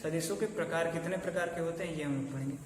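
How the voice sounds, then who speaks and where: A man's voice: a little high, fast talker. Man teaching maths in an echoey room. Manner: conversational, keeps checking in with "okay". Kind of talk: classroom lecture at a board. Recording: echoey room, mic far off, faint noise.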